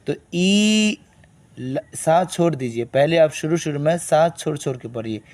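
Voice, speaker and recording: Male tutor with a slightly high voice, patient step-by-step delivery, stretches the syllables slowly for pupils to repeat. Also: lively intonation, darkish tone. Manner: explains slowly, then drawls syllables for pupils to copy. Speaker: Quran reading teacher. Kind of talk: step-by-step recitation lesson.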